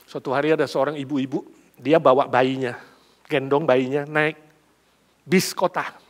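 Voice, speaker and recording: A middle-aged male pastor preaching a sermon with emphatic, lively storytelling that builds to loud peaks. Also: medium pitch, a little slow.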